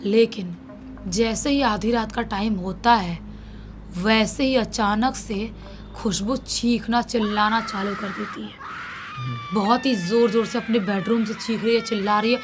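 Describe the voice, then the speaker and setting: A woman's voice: medium pitch, steady tone, a little slow, noisy background. A woman telling a horror story in a dramatic way, mixing English words into her telling.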